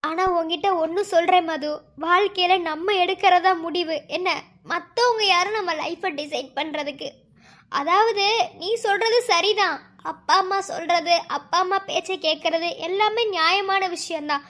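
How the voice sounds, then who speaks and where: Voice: normal speed, a bit bright. A voice actor playing a heartbroken young man who tearfully pleads with his lover in a cartoon love story. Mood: earnest. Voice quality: high, sped-up cartoon voice. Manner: tearful, begging.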